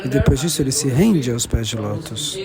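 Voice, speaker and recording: A man giving a devotional lecture to a gathering, repeating and restarting phrases and slowing down to stress key terms. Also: mid-range voice, lively intonation, crowd noise. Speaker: religious lecturer.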